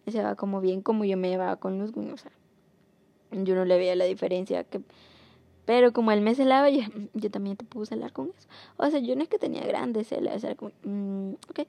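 Young woman with a gravelly, mellow voice. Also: mid-range voice, steady tone, brisk, no echo. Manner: chatty, rambling, many fillers and restarts; mostly soft and subdued, rising when frustrated. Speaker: vlogger. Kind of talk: casual storytime confession.

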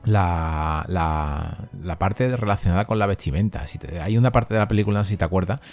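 A man's voice: low-pitched, brisk, darkish tone. A man co-hosting a podcast, explaining his view of a film in a thoughtful, casual way. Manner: thoughtful, explains at length with repeated "¿no?". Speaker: podcast co-host.

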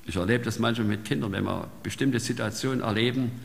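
Gravelly preacher man in a hall. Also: medium pitch, fast. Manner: conversational, often tags sentences with "ne?". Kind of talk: sermon. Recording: long reverb in a large hall.

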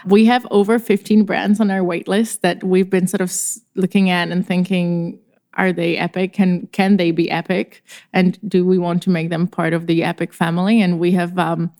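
Low-voiced woman entrepreneur on a podcast. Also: little pitch movement, normal speed, darkish tone. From former Soviet Union, Czech. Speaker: entrepreneur guest. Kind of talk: podcast interview.

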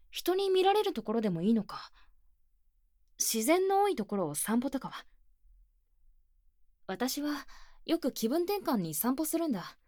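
A woman voices a serious, studious club president at a high school, her phrasing stiff and boyish, for a Japanese ASMR drama. She speaks quietly and close to a dry binaural mic, with no room sound.

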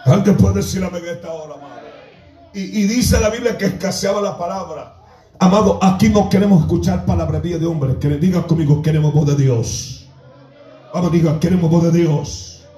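A man preaching a fiery sermon, shouting and half-singing his phrases and calling the congregation to answer. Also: fairly high pitch, fairly quick, far from the mic. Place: church sanctuary. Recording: echoey church room.

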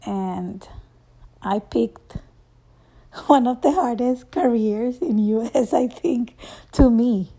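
A Salvadoran actress in her thirties, a native Spanish speaker with a Salvadoran accent, performs a stand-up monologue full of halting restarts and chuckles between phrases. Her voice is mellow and on the high side.

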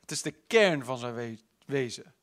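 A man preaching a sermon at a church service, impassioned and moving between loud declarations and hushed, intimate lines. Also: medium pitch, expressive, moderate pace. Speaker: pastor.

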